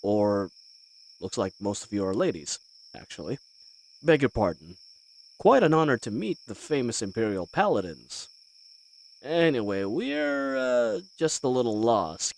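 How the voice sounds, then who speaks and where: A man's voice: mid-range voice, rough recording. A man playing a roguish, good-humoured bandit leader in a fantasy audio roleplay, talking in a folksy, teasing and hesitant way. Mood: sheepish, bluffing.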